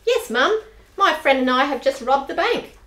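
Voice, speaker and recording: With a matter-of-fact delivery and a bright, rather high voice, a woman acts the part of a forty-something spinster who works as a bank clerk, brisk, bold and bossy. It's a homemade radio play recorded in an echoing room.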